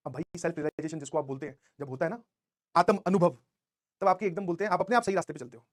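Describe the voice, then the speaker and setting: A young man teaching a class of exam students, telling a motivational story in an animated way, with English phrases mixed in. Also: on the high side, rapid-fire. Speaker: coaching teacher.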